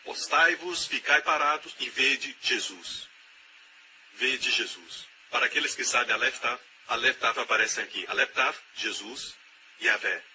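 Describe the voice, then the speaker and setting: A man's voice: mid-range voice, unhurried, noisy background. A man interpreting a sermon as a voice-over, preaching emphatically and calling out amen.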